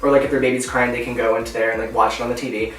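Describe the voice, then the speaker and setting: A young man telling a long personal story to camera in a casual, animated way, acting out the people in it. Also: medium pitch, very fast, distant mic, soft background music. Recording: roomy echo, a bit off mic.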